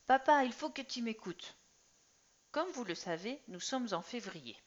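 A woman reading a story aloud, voicing an earnest, eager teenage boy with high, insistent and sometimes whiny outbursts. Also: animated, measured pace. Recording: slightly dull lo-fi recording.

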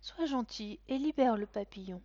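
A woman voicing a gentle, doting mother who speaks softly and coaxingly. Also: fairly high pitch, animated, moderate pace, no echo, pitched above the performer's own voice. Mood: gently scolding. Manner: soft and coaxing. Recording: dull, dry recording.

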